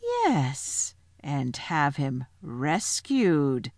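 A woman's voice: deep voice, sing-song, no room sound, clean studio sound, full character voice. A woman playing a cold scornful witch queen. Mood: scornful commanding. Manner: slow, commanding.

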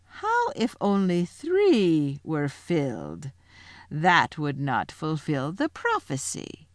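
A woman's voice: low-pitched, huge pitch swings, no room sound, exaggerated voice. A woman playing a cold scornful witch queen. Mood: scornful commanding. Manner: slow, commanding.

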